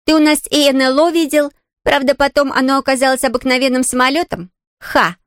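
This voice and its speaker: A woman's voice: high voice, fairly even intonation, a little fast, a bit bright, no room sound, clean studio sound, pitched above the performer's own voice. A woman voicing a teasing older sister who sneers and scolds, in a storybook reading. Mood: mocking.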